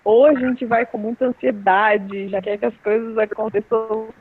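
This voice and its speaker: A woman in a casual online group talk whose audio keeps cutting out, speaking in halting, stretched-out words. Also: on the high side, steady tone, breathy edge, no echo. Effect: choppy audio that keeps cutting out. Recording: tinny, breaking-up online call line.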